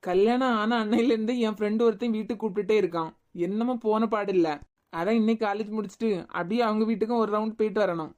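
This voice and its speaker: Woman putting on a young married man, cartoon, Kanyakumari Tamil accent, deep, fast, from a distance. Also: darkish tone, close to an everyday voice. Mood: offhand.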